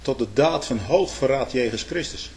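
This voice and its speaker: Here a male preacher talks at a normal speed over slight background noise. He hits important words with abrupt swells of loudness and pitch, and short asides like "hoor" and "hm?" are aimed at his audience.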